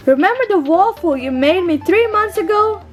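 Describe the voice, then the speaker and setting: A woman's voice: very high voice, lively intonation, normal speed, soft background music. A woman playing a bossy, unfair male king who makes demands and threats. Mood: demanding.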